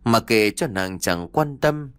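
A man narrating a fiction audiobook in an expressive storytelling manner. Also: on the low side, slow, clean tone, no echo, clean studio sound.

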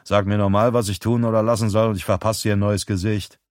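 A man voicing a soft-spoken, menacing male robber who talks quietly and smoothly. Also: lowish voice, level tone, quick pace, no room sound, clean studio sound, lightly acted. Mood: cold threat. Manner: quiet, silky, threatening.

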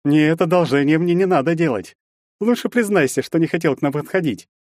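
A man voicing an arrogant young male aristocrat who bullies and taunts, hissing and mocking, rising to a shrill pitch when outraged. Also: very animated, a little fast, a little mellow, no room sound, clean studio sound. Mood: sneering.

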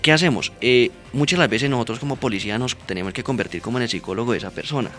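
A man's voice: mid-range voice, racing, a bit bright, soft background music. Earnest police mediator, man. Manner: earnest, explanatory, frequent "¿verdad?" and "¿sí?" tags. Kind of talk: radio interview answers.

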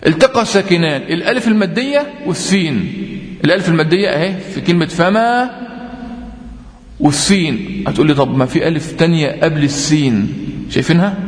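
A man with an Egyptian accent teaching Quran recitation rules, explaining patiently with lots of repetition and slowly drawn-out example readings. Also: a little high, expressive. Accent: Egyptian Arabic. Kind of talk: tajweed lesson. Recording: echoey room with long reverb.

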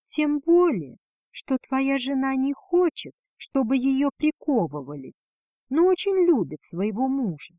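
Rich: A young female dragon bride, soft and breathless, with a raised, bright voice, as a woman narrator puts her on. The sound is dry and close. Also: sits high, sing-song, measured pace, dry recording, pitched above the performer's own voice. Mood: tender.

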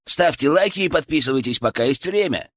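Casting: male reader doing a hyped young streamer, loud and showy, pitched up. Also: lively intonation, a little fast, no echo, clean studio sound. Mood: excited. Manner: loud, showy, announcing to viewers. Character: excited young man filming a video.

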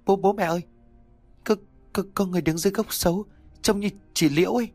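A man's voice: fairly high pitch, expressive, a little fast, no room sound, faint music behind, pitched above the performer's own voice. A man voicing a frightened young village daughter who stammers in alarm, in a narrated story. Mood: terrified.

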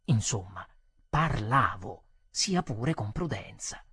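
Husky male audiobook reader, lively phrasing. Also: on the low side, dry recording, clean studio sound. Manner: expressive, lively phrasing with dramatic pauses. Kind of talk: literary reading of a short story.

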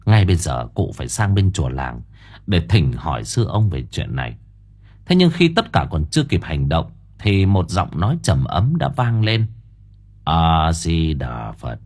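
A man narrating an audiobook in a dramatic, expressive storytelling manner. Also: low-pitched, normal speed, slightly rough.

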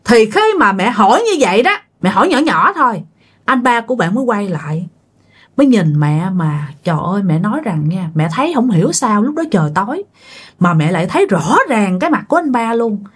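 A woman's voice: medium pitch, sing-song, brisk, breathy edge. Chatty woman telling a ghost story. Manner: chatty, addresses listeners directly.

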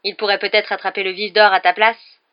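A woman reading the part of a plucky teenage boy hero with an offhand, quick-witted delivery. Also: medium pitch, little pitch movement, lightly acted. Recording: dull lo-fi recording.

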